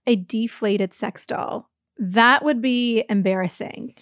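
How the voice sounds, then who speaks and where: A woman co-hosting a comedy podcast in casual chat, making wry, deadpan remarks. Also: a little high, slow pace, no room sound, clean studio sound. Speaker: podcast co-host.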